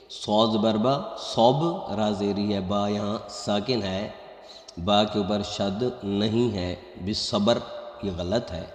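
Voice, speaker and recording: A man teaching correct Quran recitation, explaining pronunciation mistakes and then chanting the verses in a high, drawn-out melody. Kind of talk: slow tajweed lesson with chanted recitation. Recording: echoey room with long reverb.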